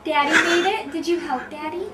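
A woman in a home kitchen, encouraging a small child in a high, sing-song voice. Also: moderate pace. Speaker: parent talking to a toddler. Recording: noisy home video, a bit distant.

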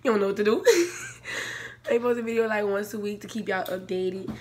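A woman's voice: medium pitch, very animated, normal speed, a little mellow. Young woman vlogger chatting casually. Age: young adult. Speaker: vlogger, channel host. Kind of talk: casual vlog chat. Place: small office-like room, indoors. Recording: faint room noise, casual camera audio.

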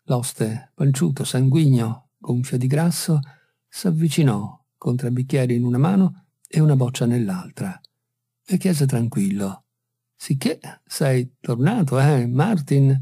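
A man reads a classic short story aloud, calm and unhurried. His voice is very dark and husky, at a middle pitch. The sound is dry and close to the mic. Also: dry recording. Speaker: audiobook reader. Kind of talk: literary narration.

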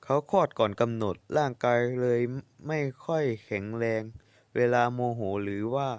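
A man voicing a gentle, doting, middle-aged father who speaks softly and politely in a manga comic voice-over dub. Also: medium pitch, normal speed, clean tone, no echo, lightly acted. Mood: soothing. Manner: soft, soothing, polite.

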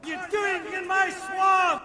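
A man's voice: very high-pitched, level tone, slow pace, pushed and bright, shouting, some chatter behind, slight background noise, full character voice. A man voicing a grumpy male ogre guarding his swamp, heard as short game sound clips. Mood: bellowing. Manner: gruff, bellowing at intruders.

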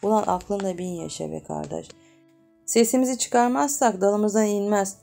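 A woman voicing Ali, a hot-headed young male laborer in a storybook reading, with hearty, rough village speech. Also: medium pitch, normal speed, mellow, soft background music, close to an everyday voice. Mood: fired up.

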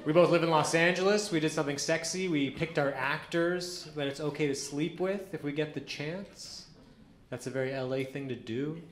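A man performing a stand-up comedy set on a club stage, telling stories in a deadpan way and acting out quoted dialogue. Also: on the high side, normal speed. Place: comedy club stage before a live audience. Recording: roomy club with audience noise.

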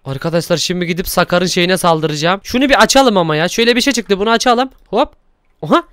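A young man hosting Minecraft gameplay commentary, excitable and exclaiming often as he talks to viewers. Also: high-pitched, fast talker, clean tone, no room sound, studio quality. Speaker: gaming YouTuber host.

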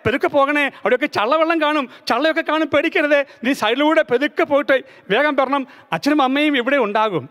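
A man voicing a gentle mother calmly cautioning her little daughter. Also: very high voice, fast talker, hardly any pauses, voice pushed up. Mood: caring. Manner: soothing, cautioning. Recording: reverberant hall.

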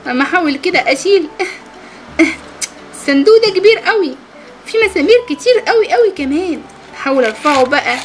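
A woman's voice: very high voice, animated, fairly quick, pauses often, slight background noise. A woman with an Egyptian Arabic accent voicing a clumsy, anxious little girl doll who panics and repeats herself. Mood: eager.

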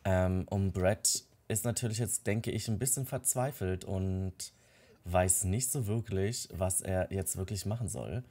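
A man's voice: sits low, unhurried, mellow. A young man casually commenting on a life-simulation game, telling the characters' quarrels and thoughts in his own voice with frequent fillers. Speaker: Let's Play host.

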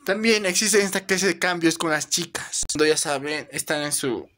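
A man narrating his own comedy sketch in a playful, drawn-out way. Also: fairly high pitch, pushed and bright. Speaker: comedy creator.

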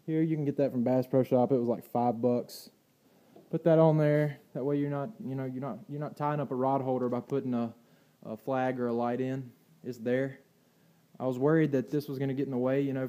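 A man's voice: medium pitch, mellow. A man walking through his kayak gear in a garage, rambling in a plainspoken way with fillers and restarts, recorded on a handheld phone. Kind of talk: casual walkthrough. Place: indoors, garage or storage room. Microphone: handheld phone camera.

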